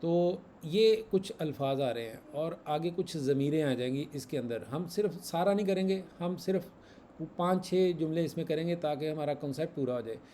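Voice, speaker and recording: A man's voice: a little high, moderate pace, mellow, slight background noise. A man teaching a class, patiently repeating examples and quizzing his students. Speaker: Arabic grammar teacher. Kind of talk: online class lesson.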